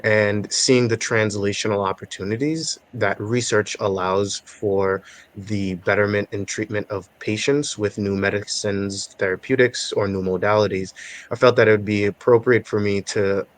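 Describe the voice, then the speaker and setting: Low-voiced young man from Haiti. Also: fairly even intonation, dry recording. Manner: measured, thoughtful, with many filler pauses. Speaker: guest. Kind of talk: podcast interview.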